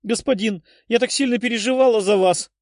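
A man's voice: on the high side, moderate pace, a little mellow, slightly rough, no echo, studio quality. A man reading an audiobook voices a devoted young woman healer who fusses over her master in urgent, emotional exclamations. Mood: worried.

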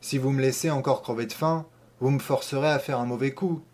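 A man's voice: medium pitch, a little fast, natural voice. A man reading an audiobook, voicing a tired young carpenter on the road who answers curtly and resolutely. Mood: weary, resolute. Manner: flat, resolute, curt replies. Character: weary, defiant young carpenter tramp.

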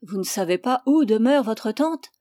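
A woman reader voicing a reserved young gentleman who answers briefly and plainly. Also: on the high side, expressive, moderate pace, no echo, studio quality, close to an everyday voice. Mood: curt. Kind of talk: audiobook character voice.

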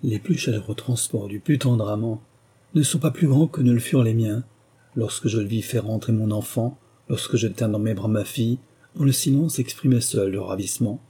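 A man narrating an audiobook in the first person with a steady, literary reading. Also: on the low side, normal speed, husky.

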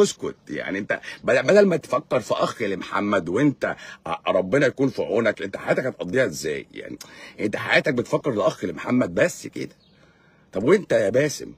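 A man's voice: medium pitch, creaky, breathy edge, no room sound. A man with an Egyptian accent, a doctor hosting a live stream, lecturing in a sarcastic, mocking way. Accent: Egyptian Arabic. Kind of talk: casual live-stream monologue.

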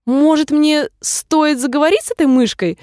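Storybook girl: woman reader doing a polite, chatty kid voice, earnest and eager, pitched high. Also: steady tone, moderate pace, a little mellow, no room sound, clean studio sound, lightly acted. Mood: wondering. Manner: earnest, rambling, apologetic.

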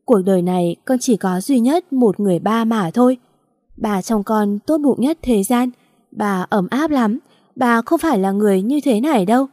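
A loving young daughter pleads tearfully with her father, voiced by a woman storyteller. Her voice is warm and soft, recorded dry and close. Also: a little high, moderate pace, no room sound, lightly acted. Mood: pleading, tearful.

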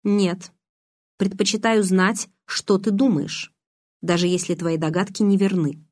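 A woman's voice: mid-range voice, steady tone, measured pace, a little mellow, no echo, close to an everyday voice. Edward, a woman reading as a cool mocking vampire boy. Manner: dry, sardonic, restrained. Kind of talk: audiobook reading.

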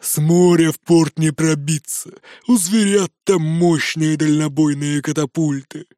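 Man doing a storybook hyena commander: scheming, gloating, bossy, and a touch higher than average. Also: fairly even intonation, a little slow, mellow, dry recording, clean studio sound, close to an everyday voice. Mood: scheming commands.

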